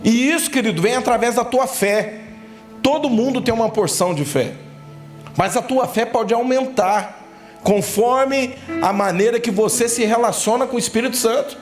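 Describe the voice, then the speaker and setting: A man's voice: very high voice, moderate pace. A male pastor from Brazil preaching a fervent sermon, often asking his congregation "amém?". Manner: fervent preaching, addresses listeners as "querido", asks "amém?". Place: church sanctuary. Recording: echoey church hall, faint music.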